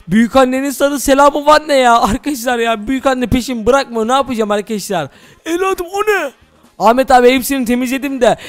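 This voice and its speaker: A man hosting a Minecraft role-play, talking excitedly to his viewers as "friends". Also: very high voice, clear, resonant tone. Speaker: gaming channel host.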